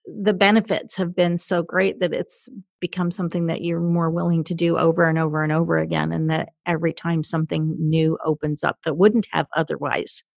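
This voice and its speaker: A woman hosting an interview, attentive and gently probing as she asks her guest questions. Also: low voice, level tone, a little fast, creaky, hardly any pauses, dry recording, studio quality.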